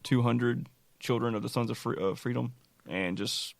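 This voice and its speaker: A man's voice: mid-range voice, fairly even intonation, moderate pace, gravelly, no room sound. Male podcast co-host, mid range, rambling explainer, dead-dry sound. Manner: explains at length with many "uh" fillers, swears casually. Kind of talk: casual chat.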